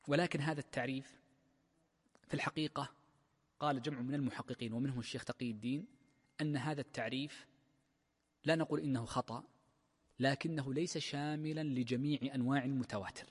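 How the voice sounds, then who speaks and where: A man, a sheikh, giving a classical lecture on a text of legal theory, explaining step by step with drawn-out fillers. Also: medium pitch, slightly rough. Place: large mosque hall. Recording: long mosque-hall reverb.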